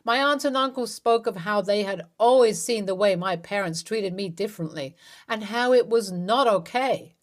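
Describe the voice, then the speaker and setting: A woman's voice: medium pitch, moderate pace. A woman reading a first-person story aloud with a dramatic, emotional delivery. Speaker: narrator.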